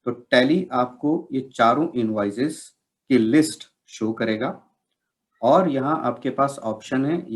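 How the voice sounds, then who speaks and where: This software tutorial is narrated by a man of medium pitch who explains each step in turn, dropping English technical terms into his speech.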